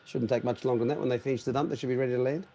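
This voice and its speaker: Aussie pilot guy, jet lagged, rattles off explanations quick, darkish mellow tone. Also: medium pitch, fairly even intonation, vocal fry, a little hiss or hum. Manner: explains at length with restarts. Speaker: airline pilot guest. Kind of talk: casual chat on a live stream.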